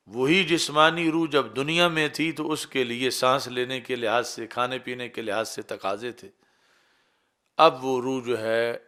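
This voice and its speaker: A man who is an Islamic scholar, giving a religious lecture in a measured, explaining way, with brisk stretches of recited Arabic. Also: mid-range voice, a bit bright.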